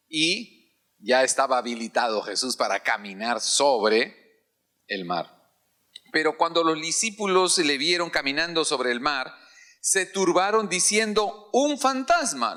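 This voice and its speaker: A man's voice: on the high side, sharp tone. A male pastor preaching a sermon in a church, calling out hallelujah and having the congregation repeat phrases after him.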